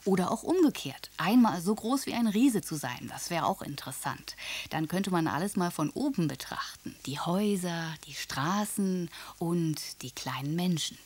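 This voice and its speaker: Breathy, lively radio presenter woman. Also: fairly low pitch, moderate pace. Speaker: radio presenter introducing the story. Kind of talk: scripted introduction for children.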